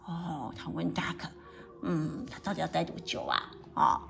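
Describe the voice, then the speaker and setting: Lively woman reading a picture book. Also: low-pitched, measured pace, creaky. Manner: playful, explaining each page to kids. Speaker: picture-book reader for children. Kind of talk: bilingual storybook read-aloud.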